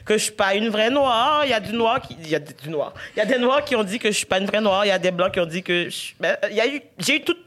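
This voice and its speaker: A woman's voice: medium pitch, expressive, fast, few pauses, a bit bright. Reflective woman. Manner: reflective, thinks aloud. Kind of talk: casual chat.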